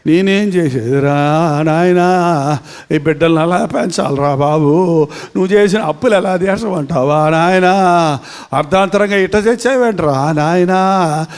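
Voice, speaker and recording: Drawn-out wailing village widow mourning her husband, lower than the preacher's own voice as he acts her out. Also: smooth, in a large hall. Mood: wailing grief. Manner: drawn-out lamenting wail.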